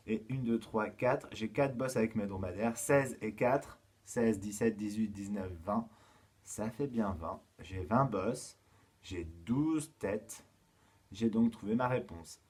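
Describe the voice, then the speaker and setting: A man teaching a remote lesson to young children, counting aloud slowly and patiently, with frequent fillers as he explains. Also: fairly low pitch, a little mellow, husky. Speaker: kindergarten teacher.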